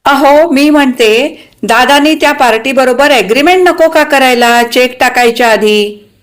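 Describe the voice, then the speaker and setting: A woman reading a story aloud, voicing a blunt, sharp-tongued middle-aged sister-in-law who talks loudly and emphatically. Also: sits high, slow, pitched above the performer's own voice. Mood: indignant. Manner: loud, scolding and emphatic.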